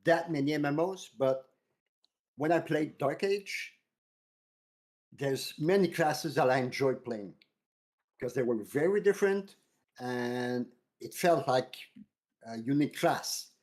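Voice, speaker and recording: A man co-hosting a casual gaming chat, earnest and measured, restarting phrases as he talks. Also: on the high side, expressive, darkish tone. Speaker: co-host.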